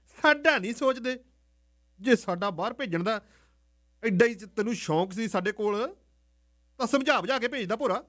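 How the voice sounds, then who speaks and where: A man voicing an indignant middle-aged aunt who scolds in a shrill voice. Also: fairly bright tone.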